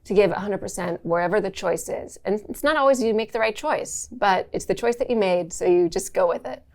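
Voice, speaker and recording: A woman's voice: medium pitch, a little fast, a little mellow. A woman being interviewed, answering in a reflective, conversational way. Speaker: interview guest, brand executive.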